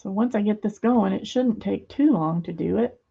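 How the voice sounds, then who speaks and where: A woman's voice: medium pitch, moderate pace, vocal fry, warm tone, husky, lo-fi sound. A middle-aged woman hosting a craft video from her home studio, chatting casually and rambling with many fillers as she sews. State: hands a little weak, fumbling.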